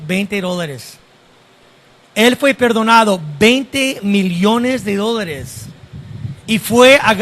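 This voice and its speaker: A pastor preaching a sermon and often asking the congregation direct questions. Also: male voice, very high voice, a bit bright.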